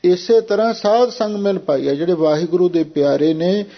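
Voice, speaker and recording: Man preaching, slightly high voice. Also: creaky, highs cut off. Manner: intones quoted verses slowly, then explains in plain talk. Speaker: Sikh preacher giving scripture commentary. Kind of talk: devotional sermon with sung verses.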